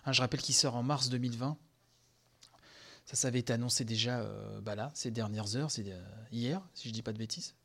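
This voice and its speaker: A man hosting a podcast, reacting live to a game conference, excitable and gushing, with many fillers and sighs, tired from sleepless nights. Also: mid-range voice, a little fast, gravelly. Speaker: podcast host.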